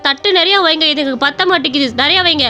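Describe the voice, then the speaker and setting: A woman's voice: high-pitched, fast talker, bright, forceful tone, faint music behind. A woman voicing a young daughter-in-law who talks in a whiny, insistent way.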